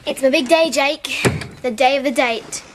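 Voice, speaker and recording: Very high, breezy, confident girl played by a female actor. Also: moderate pace, slight background noise, natural voice. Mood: breezy, assured. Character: confident, bossy, appearance-conscious young girl. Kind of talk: children's television drama acting.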